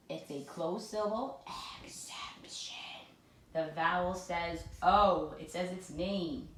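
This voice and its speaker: A woman teaching a recorded phonics lesson for children, leading clear, sing-song drills that she has the listener echo. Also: low voice, fairly bright tone, a little hiss or hum. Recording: echoey room.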